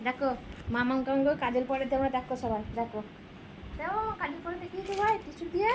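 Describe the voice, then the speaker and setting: A woman's voice: high voice, lively intonation, fast, background noise. A mother talking sing-song baby talk to her baby while filming at home.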